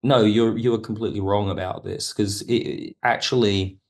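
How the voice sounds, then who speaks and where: Here a male audio drama writer is interviewed as a guest on a thoughtful podcast. His pitch is fairly low and his intonation fairly even, at a normal speed, and he tends to loop back and reword things while explaining.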